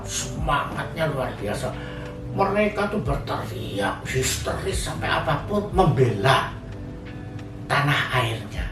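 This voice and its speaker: An older man gives a sociology lecture, talking to his audience as friends, with lively asides and plenty of fillers. His voice sits in the middle range and comes from a distance in a roomy, echoing space. Music plays clearly underneath. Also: mid-range voice. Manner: animated, addresses audience as "saudara", many fillers and restarts. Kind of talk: recorded lecture.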